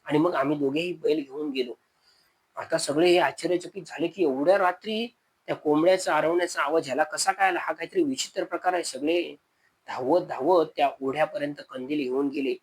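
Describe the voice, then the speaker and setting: A man's voice: fairly high pitch, fairly quick, husky, low-quality recording. A man telling a spoken horror story, calling his listeners friends and repeating words to build suspense.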